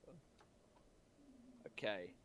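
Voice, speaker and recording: A man's voice: drawn-out words, a little hiss or hum. A man running a tabletop game as game master, rambling and restarting his sentences, with casual swearing.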